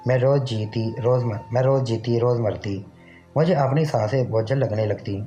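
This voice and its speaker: A man narrating an emotional first-person story in an earnest, steady reading voice. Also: fairly low pitch. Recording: dull lo-fi recording.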